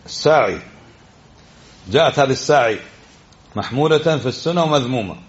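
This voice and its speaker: A man's voice: medium pitch, animated, fairly quick, dull audio. A man giving a religious lesson, exhorting his listeners and often asking them questions. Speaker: religious teacher.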